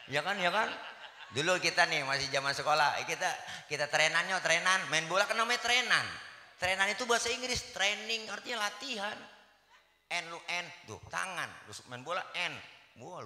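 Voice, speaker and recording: A man's voice: medium pitch, pushed and bright. A man giving a comic sermon, joking in punchy playful asides. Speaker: preacher. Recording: echoey live hall recording.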